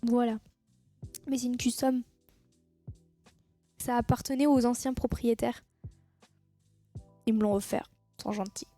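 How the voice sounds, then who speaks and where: A woman's voice: on the high side, steady tone, unhurried, pauses often, mellow, soft background music. A woman chatting casually with her viewers on a live stream, teasing them and laughing at her own jokes.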